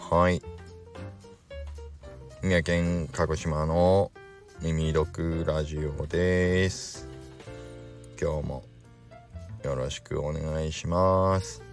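A man doing a playful impression of a fellow podcaster, drawing out each word very slowly over faint music. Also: low voice, vocal fry, full character voice. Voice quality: very slow, drawn-out delivery.

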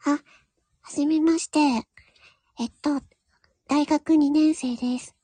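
A woman's voice: sits high, fairly even intonation, slow, dark tone, pitched above the performer's own voice. A woman playing a shy young female college student in a phone-call role-play, speaking hesitantly. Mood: shy, agreeable.

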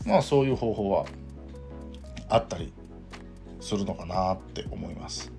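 A man's voice: low-pitched, lively intonation, unhurried, vocal fry, dark tone, soft background music. A man with a Kansai accent hosting a casual solo podcast, talking hesitantly with many fillers. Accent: Kansai Japanese. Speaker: podcast host.

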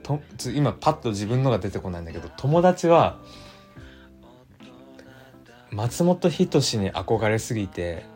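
Man, Kansai accent, casual solo stream host, animated pitch, chatty fillers, faint background music. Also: moderate pace. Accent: Kansai Japanese. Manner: chatty, animated, muses aloud with frequent fillers. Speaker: livestream radio host. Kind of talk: casual solo chat reading listener messages.

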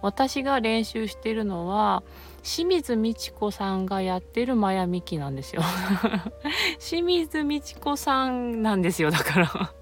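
A woman's voice: fairly high pitch, very animated, a little slow, faint music behind. A woman yoga teacher hosting her own channel, chatting casually on her own, rambling with many fillers and laughing often at herself. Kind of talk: casual solo chat.

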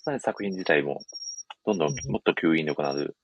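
Man, very low voice, polite host, faint hiss, attentive. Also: lively intonation, quick pace, highs cut off. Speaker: podcast host. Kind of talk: polite casual radio chat.

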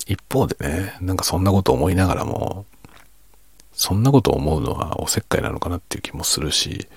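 A man talking quietly and casually in a low late-night monologue, reflective and self-deprecating in a soft-spoken way. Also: expressive, brisk, slightly rough, no echo. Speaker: streamer and hobby novelist.

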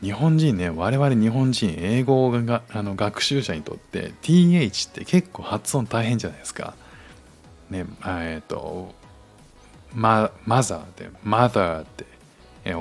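A man's voice: lowish voice, creaky. A man hosting a casual podcast monologue, talking with lots of fillers and restarts. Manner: hesitant, many fillers and restarts. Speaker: podcast host.

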